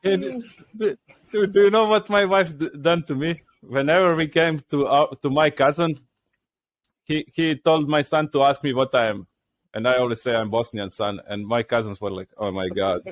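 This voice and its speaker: A middle-aged man from Dalmatia, co-hosting a comedy podcast and telling animated family stories in broken English. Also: a little high, normal speed, no room sound. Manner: animated storyteller, broken English, laughs often. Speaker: podcast co-host. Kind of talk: casual comedic chat.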